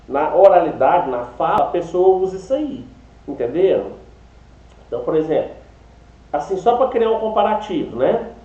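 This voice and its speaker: A man with a Brazilian accent teaches an English class, his voice a bit high, lively and mellow. He talks in a chatty way, explains step by step and keeps checking in with his students. The sound is a slightly dull recording in an echoey room. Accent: Brazilian Portuguese. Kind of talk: online class lecture.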